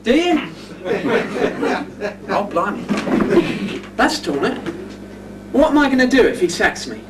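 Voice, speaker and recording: A man with a high, sing-song, slightly slow voice plays a lazy, cheeky young shop assistant, joking and chatting chummily with the audience. It's an amateur village pantomime on a pub skittle alley stage, captured by a far-off audience camera in a distant, noisy live recording.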